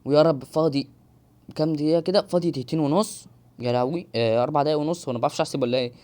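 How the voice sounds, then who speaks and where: This gaming YouTuber, a young man with an Egyptian Arabic accent, fires off live commentary at a rapid clip, joking and exclaiming to viewers. His voice leans high and a little mellow.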